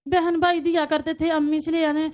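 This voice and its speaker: Woman, high voice, halting and fragmented, repeats phrases, TV studio guest interview. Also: little pitch movement, darkish tone. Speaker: guest on talk show. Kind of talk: recounting personal story in interview.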